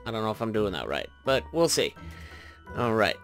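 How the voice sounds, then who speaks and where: With music playing behind him, a man commentates casually on a gaming video, regularly doubting himself as he reasons things through aloud. His voice is on the low side and a bit bright, with big pitch swings and a moderate pace.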